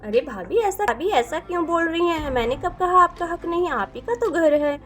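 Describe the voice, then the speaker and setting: Village farmer man, reasoning and mediating, pitched high; woman plays him in a doll story. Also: animated, normal speed, fairly bright tone, faint music behind. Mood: firm. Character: village farmer man, calm head of household. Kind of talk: doll video role-play.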